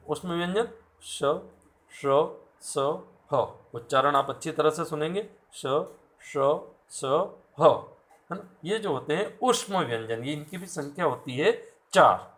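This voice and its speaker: A man's voice: on the high side, a bit bright. A man teaching a class, patiently spelling out sounds and asking his students questions. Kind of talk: classroom lecture.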